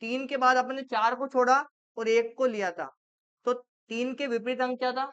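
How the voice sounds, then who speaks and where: A woman teaches a classroom reasoning lesson and keeps firing questions at her students. Her voice sits a little high and comes through clear and smooth. The recording is muffled and lo-fi, as in a classroom. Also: steady tone, normal speed, fairly bright tone. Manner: quizzing students with repeated questions.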